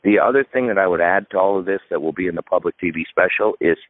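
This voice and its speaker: A retirement expert in his fifties, appearing as a guest on a radio interview, gives emphatic, instructive advice and lays it out step by step. His voice sits low and he talks fast. The line is a dry, tinny phone connection with no echo.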